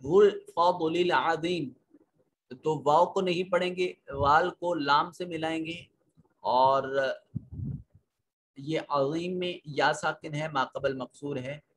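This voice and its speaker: Slow, patient male Quran teacher. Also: a little high, fairly even intonation, a bit bright. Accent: Pakistani Urdu. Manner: slow, patient explaining, with drawn-out chanted recitation of verses. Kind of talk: recorded Quran lesson with tajweed rules.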